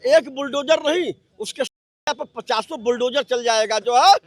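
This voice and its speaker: A man's voice: extremely high pitch, moderate pace, dry recording. A man from the public speaking fervently in a street interview, tacking a habitual filler onto his sentences. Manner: fervent, leans on the filler "jo hai" constantly. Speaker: member of the public giving his view.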